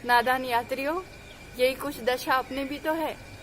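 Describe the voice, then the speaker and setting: A Jain nun giving a devotional sermon, earnest and exhorting, mixing a parable with teaching. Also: female voice, high-pitched, fairly even intonation, unhurried, a bit bright, slight background noise. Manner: earnest, exhorting, rising to emphatic calls.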